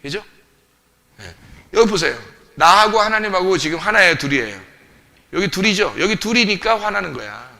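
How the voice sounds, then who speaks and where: A man's voice: sits high, expressive, normal speed, creaky, long pauses, pushed and bright. A man preaching a sermon as pastor, emphatic, repeating short phrases and asking the congregation questions, recorded in a church. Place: church sanctuary.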